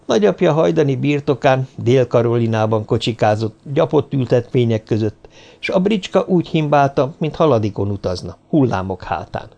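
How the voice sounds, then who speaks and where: A man reading an audiobook in an even, steady narration. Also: mid-range voice, gravelly, dull audio.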